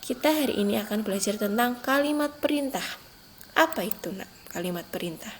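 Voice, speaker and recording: A young woman teacher talks patiently to small children, her voice pitched a little high. She reads example sentences with a lifted, emphatic tone. A faint hiss sits under the recording. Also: expressive, brisk, low-quality recording. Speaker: primary school teacher. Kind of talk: recorded online class lesson for young children.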